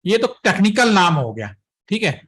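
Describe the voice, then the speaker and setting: A man's voice: sits high, very animated, moderate pace, a bit bright, breathy edge. A man, teaching trainees a technical lesson, explaining step by step and checking in often. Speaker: instructor.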